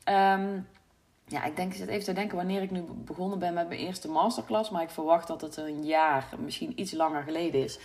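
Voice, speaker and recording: A woman with a Brabant Dutch accent and a low voice talks through her work on her own podcast. She is candid and reflective, and she pauses on frequent ums and uhs. It sounds like a casual solo monologue. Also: darkish tone. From Brabant, Netherlands. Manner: reflective, candid, many fillers. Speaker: podcast host, business coach.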